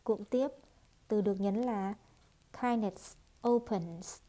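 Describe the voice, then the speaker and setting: A woman teaching English pronunciation, reading phrases aloud at a slow, unhurried pace. Her voice is soft and mellow. She models each phrase deliberately for students to repeat. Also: medium pitch. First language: Vietnamese. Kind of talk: pronunciation drill lesson.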